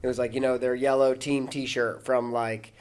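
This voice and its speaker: A man's voice: mid-range voice, level tone, moderate pace, a little mellow, clean tone. A man, an American pastor and podcast host, telling long anecdotes in casual chat, with many restarts and bursts of laughter.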